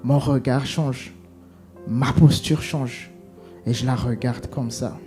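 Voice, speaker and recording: A man giving an emotional personal testimony, halting with many restarts and fillers, acting out what was said. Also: medium pitch, steady tone, dark tone, faint music behind.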